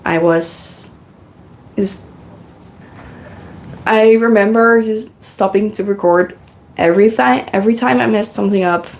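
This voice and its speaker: A Dutch-speaking woman rambles chattily through her knitting live stream, reading out chat comments and thanking viewers. Her mid-range voice is gravelly and a little mellow, captured on a good podcasting microphone.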